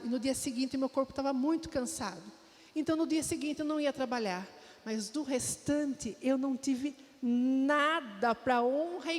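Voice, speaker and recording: A woman with a Brazilian Portuguese accent giving a heartfelt personal testimony to a church congregation, often speaking straight to her listeners. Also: sits high. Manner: heartfelt, storytelling, often addresses the listeners directly. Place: church hall. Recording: long reverb of a church hall.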